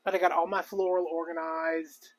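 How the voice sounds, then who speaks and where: A man's voice: fairly high pitch, level tone, normal speed. A man chatting casually and rambling with lots of fillers while crafting on a live stream. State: out of breath. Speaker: crafting vlogger.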